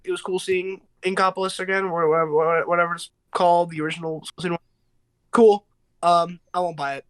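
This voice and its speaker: A young man in casual gaming chat, speaking hesitantly with many pauses. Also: high voice, little pitch movement, clean tone. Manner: hesitant, halting with fillers.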